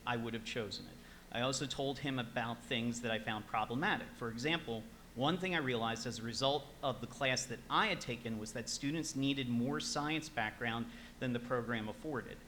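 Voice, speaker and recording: Bright-voiced young man telling stories. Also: medium pitch, moderate pace, a little hiss or hum. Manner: relaxed storytelling, frequent fillers, laughs at his own anecdote. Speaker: former student giving a memorial tribute. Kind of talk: speech at a memorial event. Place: event room.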